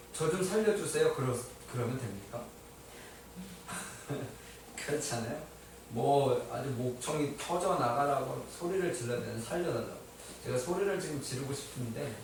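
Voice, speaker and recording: A man with a fairly high voice preaches a sermon with a touch of light humor, asking his congregation questions that he answers himself. The recording, made with a distant mic in an echoey church sanctuary, carries a little hiss or hum.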